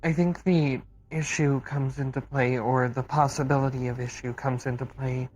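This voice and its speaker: A woman's voice: rumbling low, steady tone, normal speed, a little mellow, poor audio. Thoughtful, diplomatic woman in character. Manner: thoughtful, diplomatic, reasoning aloud. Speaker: roleplay player. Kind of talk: in-character roleplay dialogue.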